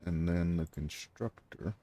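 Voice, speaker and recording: A man talking through his gameplay on a live stream, thinking aloud and throwing sarcastic asides at chat, clearing his throat now and then. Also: deep voice, measured pace, mellow. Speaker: game streamer. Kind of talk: casual gameplay commentary.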